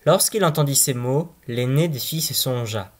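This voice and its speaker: A man reading a fairy tale aloud in a calm, measured storytelling voice. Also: mid-range voice.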